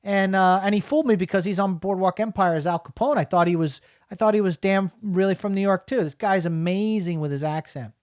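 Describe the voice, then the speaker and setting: A man's voice: sits high, fairly quick, few pauses, darkish tone, no echo, studio quality. A middle-aged man from New Jersey giving a casual, rambling spoken film review, full of fillers and restarts.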